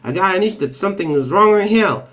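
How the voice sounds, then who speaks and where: A man's voice: sits high, expressive, quick pace, a bit bright. A man voicing a plainspoken rural farm man from a novel, in a folksy, practiced Oklahoma accent. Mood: matter-of-fact.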